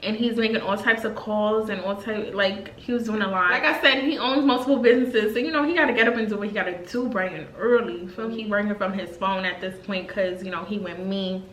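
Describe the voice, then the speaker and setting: A woman in her twenties tells a casual storytime to her vlog, chatty and expressive with plenty of slang and fillers. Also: mid-range voice, fairly quick, few pauses, reverberant, slight background noise, rough recording. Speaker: vlogger.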